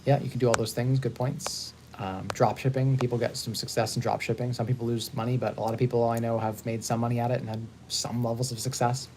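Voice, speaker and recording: A man in his thirties hosting a casual live stream, upbeat and talking in quick bursts with frequent restarts. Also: mid-range voice, flat delivery, a little mellow, a little hiss or hum. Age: 30s. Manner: fast-talking, upbeat, repeats and restarts words. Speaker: host. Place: hotel.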